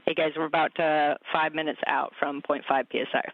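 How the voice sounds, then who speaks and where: A man's voice: a little high, flat delivery, brisk, no room sound. A man giving a brief, matter-of-fact status call over a narrow space-to-ground radio loop. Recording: tinny radio channel, dry.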